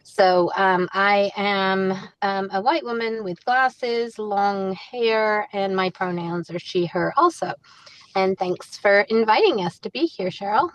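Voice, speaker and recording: A woman's voice: mid-range voice, slow, poor audio. A woman introducing herself as a panelist on a webinar video call. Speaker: panelist, program director.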